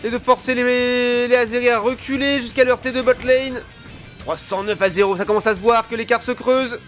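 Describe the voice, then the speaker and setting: A man's voice: extremely high pitch, steady tone, normal speed, fairly bright tone, soft background music. A man working as an esports caster, giving live play-by-play commentary in colloquial speech peppered with gamer slang.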